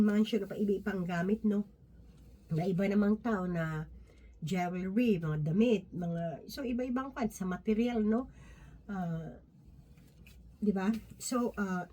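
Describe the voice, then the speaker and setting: Warm-voiced woman giving a casual devotional talk. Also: medium pitch. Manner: conversational, constant tag questions to listeners; halting, many restarts and fillers. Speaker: lay speaker sharing a Bible reflection.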